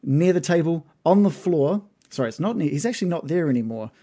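Creaky-voiced man narrating a tabletop game. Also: a little high, expressive, brisk, warm tone. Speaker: game master.

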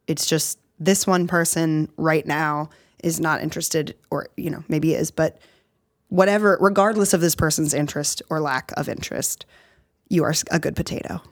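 A woman with a fairly low voice co-hosts a podcast in casual conversation. She speaks bluntly and swears freely. Her voice sounds dry and close, with no room echo. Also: steady tone, normal speed. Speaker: podcast co-host. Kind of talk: casual chat.

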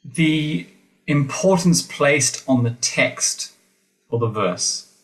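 A man's voice: a little high, animated, very slow, rough recording. An Australian man, an actor and voice teacher, talking through ideas in a podcast interview with many restarts, acting out the teachers he quotes. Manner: thoughtful, full of restarts, acts out quoted teachers.

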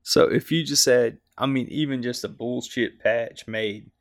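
Gravelly laid-back veteran guest. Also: male voice, mid-range voice, fairly even intonation, unhurried. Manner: laid-back, profane, chummy. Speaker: podcast guest, Army veteran. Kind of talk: casual conversational interview.

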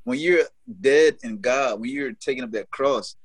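A man's voice: mid-range voice, moderate pace, breathy edge, no room sound. A young man talking in an easygoing, rambling way, full of fillers and checks with the listener. The sound is dry and close, with no room around it. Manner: relaxed, repeats "you know what I'm saying". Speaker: guest. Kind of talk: casual faith conversation.

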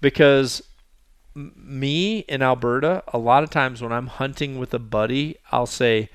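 A man's voice: medium pitch, unhurried, smooth, no room sound, clean studio sound. A man hosting a casual podcast chat, rambling and self-deprecating with lots of fillers.

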